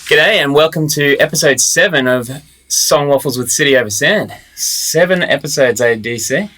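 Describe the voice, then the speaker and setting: A man's voice: a little high, moderate pace, sharp tone, faint music behind. A man with a broad Australian accent hosting a podcast in a laid-back, matey, casual way. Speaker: podcast host. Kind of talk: casual chat.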